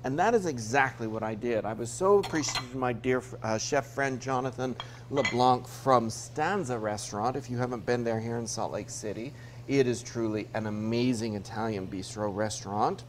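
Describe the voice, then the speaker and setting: A man's voice: medium pitch, moderate pace, background noise. A man in his fifties from Utah hosting a TV cooking segment, chatting through each step as he cooks in a studio kitchen. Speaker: TV cooking show host. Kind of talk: cooking demonstration.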